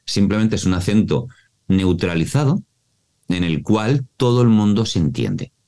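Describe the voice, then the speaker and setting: A man from Mallorca with a Spanish accent from Spain, a voice-over artist and coach explaining things expressively in a podcast interview, often checking in with a quick "¿vale?". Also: fairly low pitch, animated, warm tone. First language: Mallorcan Catalan alongside Spanish.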